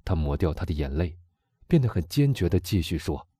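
A man narrating a novel as an audiobook, with expressive storytelling. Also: low-pitched, brisk, slightly rough, no echo, clean studio sound.

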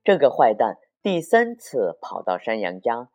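Brief: male children's storyteller, slow, animated, faint music, lo-fi. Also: mid-range voice. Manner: slow, sing-song and expressive.

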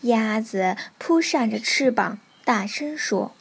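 A woman telling a children's bedtime story in a soft, whispery narrating voice. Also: on the high side, lively intonation, takes it slowly, gravelly, breathy edge.

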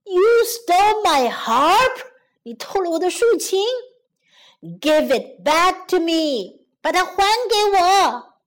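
A woman's voice: high-pitched, expressive, measured pace, few pauses. A woman doing a furious bellowing giant. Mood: furious shouting. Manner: shouting angrily. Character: angry huge male giant.

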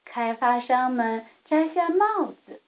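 High-voiced mom reading a storybook slowly. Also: female voice, expressive. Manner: slow, gentle, clearly paced reading. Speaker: mother reading a picture book aloud. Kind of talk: storybook read-aloud for children. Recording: tinny phone-like home recording.

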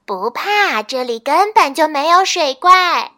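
A woman voicing a small, bold, excitable pet fish in a children's storybook reading, with a squeaky, bubbly voice. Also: takes it slowly, exaggerated voice. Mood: confident.

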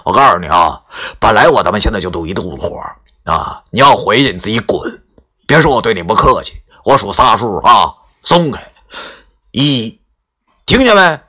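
Man putting on a cursing hothead, loud and forceful. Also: on the low side, big pitch swings, normal speed, husky, full character voice. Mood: furious. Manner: swearing, threatening. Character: hot-tempered young village bully, gruff.

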